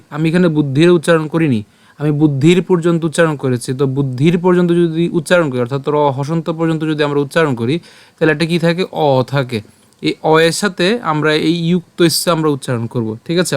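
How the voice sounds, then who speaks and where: A man teaching the Gita, breaking a Sanskrit verse into syllables and chanting it slowly with a tune. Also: a little high, no echo. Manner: slow syllable-by-syllable pronunciation drill. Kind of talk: devotional recitation lesson.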